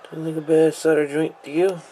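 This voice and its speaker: This radio hobbyist's voice is a little high, level and warm, and he talks a little fast. He explains a radio gadget's internals at his workshop bench in a relaxed teardown full of mumbled asides, over slight background noise and poor audio.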